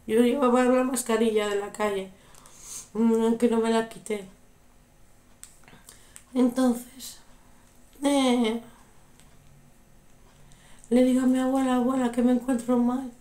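Young woman vlogger, high mellow voice, echoey room, still unwell. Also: slow, pauses often. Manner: animated, repeats exclamations. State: unwell, recovering from illness. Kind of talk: casual storytelling.

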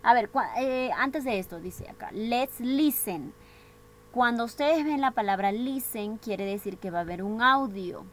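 A woman's voice: on the high side, moderate pace, hardly any pauses, a little hiss or hum. Bilingual woman teaching English. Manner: switches between Spanish and English, asks pupils questions. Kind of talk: online class for young pupils.

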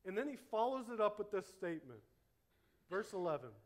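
A man's voice: high voice, very animated, fairly quick. A pastor preaching a sermon at a church service, earnest and emphatic, his delivery swelling and dropping to stress each point.

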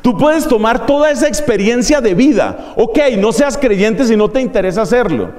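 Priest guy giving a uni lecture, high voice, ironic, keeps asking the crowd questions, long echo in the hall. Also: sing-song, normal speed, a little mellow. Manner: ironic, rhetorical questions to the audience. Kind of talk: university lecture. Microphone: microphone.

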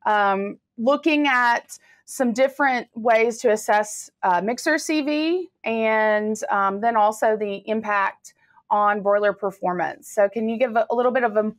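A woman's voice: fairly high pitch, unhurried. A woman in her thirties hosting a podcast over a video call, friendly and chatty with many fillers. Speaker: podcast host. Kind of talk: casual interview chat. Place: home office with bookshelf. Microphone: webcam video call.

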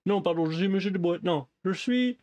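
A man's voice: high voice, a little fast, a little mellow, muffled recording. A man commenting on a game during a live stream, joking in a mock-pompous way and talking to the game's characters.

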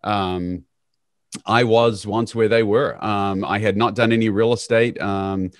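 A real estate CEO from New Zealand, guesting on a video-call interview from a small home office, tells stories in a relaxed, self-deprecating way with frequent "um"s. His fairly low voice is unhurried and dry, captured by a boom-arm studio mic with no echo.

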